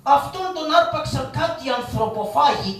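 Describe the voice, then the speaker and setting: A man's voice: extremely high pitch, lively intonation, a bit bright, faint music behind. A man voicing a brave, boastful male captain of the jungle, declaiming with confidence in a live shadow-puppet play. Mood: heroic. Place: theatre stage. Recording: echoey live stage from a distance.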